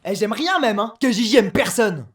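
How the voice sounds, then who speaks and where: An actor playing an excitable, boastful villain boss in a comic audio drama, theatrical and swinging between chatty and gloating. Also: mid-range voice, normal speed, close to an everyday voice. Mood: touchy, boastful. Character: excitable, boastful cartoon villain boss, cruel yet petty.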